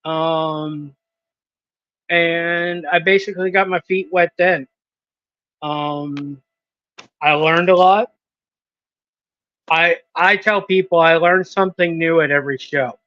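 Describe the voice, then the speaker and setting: Hesitant thirties man, bright dry voice. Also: a little high, steady tone, slow pace, pauses often, no echo, muffled recording. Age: 30s. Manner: hesitant, many ums and restarts. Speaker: wrestling promoter. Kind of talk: casual podcast interview.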